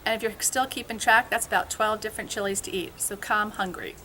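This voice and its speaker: A woman's voice: mid-range voice, fairly even intonation, a little fast, sharp tone, slight background noise. A woman co-chairing a school fundraiser, reading a friendly scripted announcement. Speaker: event co-chair.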